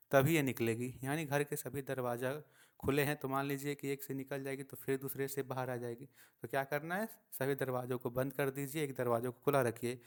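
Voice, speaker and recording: A man's voice: medium pitch, clean tone. A male teacher patiently explaining a textbook story to young schoolchildren. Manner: patient, explanatory, addresses the children.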